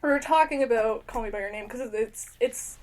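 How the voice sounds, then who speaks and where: A woman's voice: on the high side, fairly quick, a little mellow. A young woman co-hosting a podcast in casual chat, rambling with lots of fillers and swearing. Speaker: podcast co-host.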